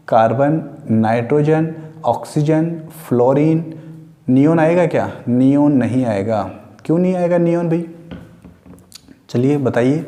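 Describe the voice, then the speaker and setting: A man's voice: mid-range voice, warm tone, in a large hall. A man teaching a chemistry lesson, repeating key points and putting questions to the class.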